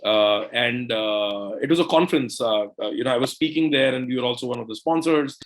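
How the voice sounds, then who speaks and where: A man from India, a company CEO, talking through business stories in an interview, with quick bursts and frequent "right?" and "you know". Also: mid-range voice, slight background noise. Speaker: co-founder and CEO, podcast guest. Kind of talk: conversational interview storytelling.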